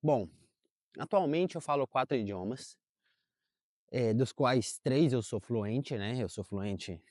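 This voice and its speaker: Chatting to camera in a park, a young man whose first language is Portuguese vlogs casually, correcting himself and using lots of fillers. He speaks slowly at medium pitch with lively intonation and a slightly mellow tone. The sound is clean studio audio with no room sound.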